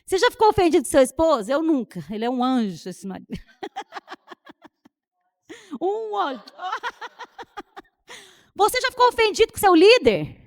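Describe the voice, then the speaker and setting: A Brazilian woman preaches with a high, bright voice, moving into lively storytelling and playing out conversations as she goes. The sound is dry and close, with no room echo. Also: unhurried, pauses often. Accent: Brazilian Portuguese. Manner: animated storytelling, acting out dialogue. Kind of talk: sermon with personal anecdotes. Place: church retreat.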